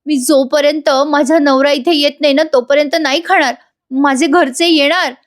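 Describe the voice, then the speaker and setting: A woman voicing a stubborn, desperate young woman prisoner who talks in an insistent, shrill way. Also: steady tone, normal speed, natural voice.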